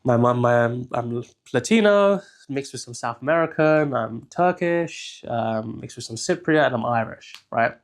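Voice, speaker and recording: A man's voice: mid-range voice, lively intonation, measured pace. A young man, a coach giving a casual solo teaching talk, speaking conversationally and checking in with the listener after nearly every point. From England. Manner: conversational, keeps checking in with "right?". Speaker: life coach.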